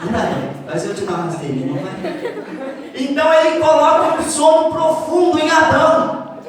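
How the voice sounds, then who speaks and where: Animated preacher in an echoey hall. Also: high-pitched, fairly quick, distant mic. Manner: animated, talks to the crowd and gives playful stage directions. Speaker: preacher leading a camp skit. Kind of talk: lively sermon storytelling with volunteers acting it out. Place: large echoing hall at a church camp.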